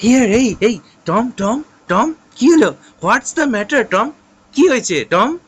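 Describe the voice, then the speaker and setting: A man voicing a frightened younger boy who pleads with his groaning brother in a high, anxious voice. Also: sing-song, takes it slowly, a little hiss or hum, full character voice.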